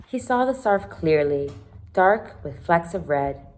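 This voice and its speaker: With a fairly low, slightly mellow voice that is animated yet slow, a woman gives a teacher-style read-aloud of a children's chapter book. The storytelling is expressive and dotted with short asides explaining things to young listeners.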